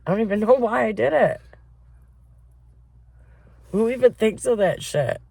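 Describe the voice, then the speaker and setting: A woman's voice: on the high side, a little slow, gravelly, breathy edge, no echo. A woman from Michigan spins a wild, laugh-filled story, swearing freely as she goes. Her voice is close and dry, with no room sound around it. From Flint, Michigan. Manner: profane, laughing, animated storyteller. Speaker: podcast co-host. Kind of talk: casual chat, storytelling.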